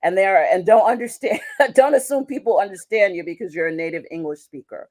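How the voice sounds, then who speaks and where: An American woman who works as an international manager speaks reflectively as a guest in a conversational interview, restarting sentences and posing rhetorical questions. Her mid-range voice is brisk and a little mellow.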